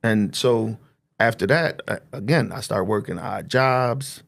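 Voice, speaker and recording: A man's voice: fairly low pitch, measured pace, creaky, fairly bright tone. A man, a guest telling stories in a streetwise, profane way and acting out the dialogue. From New Jersey. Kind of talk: casual storytelling.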